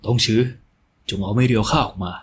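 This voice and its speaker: Audio-drama role: male narrator as a haughty young lord, low and harsh, curt with contempt. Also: a little fast, a little hiss or hum, lightly acted. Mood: cold, scornful. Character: cold, domineering young male household master.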